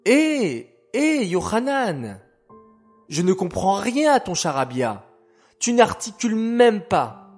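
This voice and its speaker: A man's voice: high-pitched, slow pace, faint music behind, voice pushed up, full character voice. A man voicing a chatty, caring little girl who questions her brother in a storybook tale. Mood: teasing. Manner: bright, questioning, lively.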